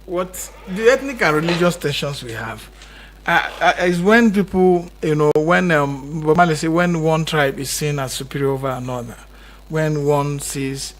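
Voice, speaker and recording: A man's voice: fairly high pitch, normal speed, a little hiss or hum. A Nigerian man speaking as a radio guest, impassioned and repetitive, pushing harder as he stresses his points. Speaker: guest commentator. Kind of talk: radio interview.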